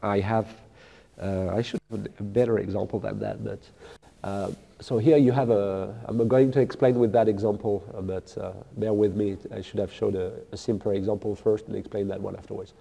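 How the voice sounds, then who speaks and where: A man giving a technical keynote talk at a conference, speaking haltingly with many fillers and restarts. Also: on the low side, fairly even intonation, vocal fry, warm tone. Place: large lecture hall with audience. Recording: echoey large hall.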